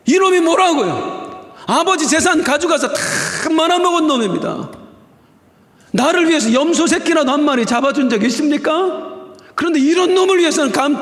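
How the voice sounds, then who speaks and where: A man's voice: extremely high pitch, voice pushed up, full character voice. A pastor voicing a resentful elder son protesting to his father in an echoey hall. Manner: loud protesting cry. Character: indignant elder son, young man, resentful.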